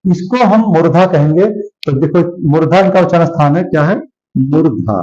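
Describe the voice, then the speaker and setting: A man with a fairly high, animated, mellow voice teaches a classroom lesson, slowly sounding out letters one by one. He asks questions and answers them himself, and the recording is lo-fi.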